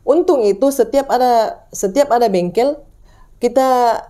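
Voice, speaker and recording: A woman's voice: a little slow, warm tone. A woman telling a ghost story in casual chat, rambling with restarts and acting out the people in it. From Indonesia. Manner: rambling, full of restarts, acts out voices in high pitch.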